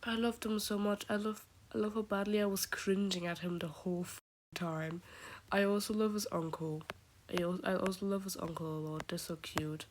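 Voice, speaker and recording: A woman who is sick and keeps her voice quiet, rambling and gushing about favorite characters in a casual vlog, often dropping into a half-whisper. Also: medium pitch, little pitch movement, moderate pace, a little hiss or hum. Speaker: vlogger. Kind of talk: casual fandom chat.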